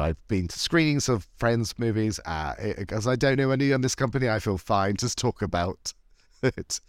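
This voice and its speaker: Lowish in pitch and studio quality, with no room sound, this British podcast host of a cult movie show keeps the chat casual and comedic, camping it up with a theatrical, flamboyant drag-queen flair.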